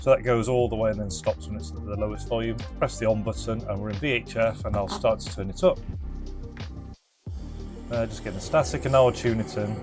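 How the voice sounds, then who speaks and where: This is a British man's informal product walkthrough from his garage, part of his retro gadget restoration channel, explained on the fly and unscripted. His voice is on the low side and brisk with fairly even intonation, recorded via a body-worn mic over background music.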